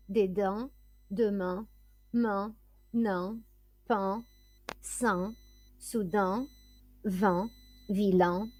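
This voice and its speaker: Slow, carefully enunciating woman teacher. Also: mid-range voice, a little mellow, dry recording. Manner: careful, clearly enunciated dictation. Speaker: French pronunciation teacher. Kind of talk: slow, deliberate word-list reading.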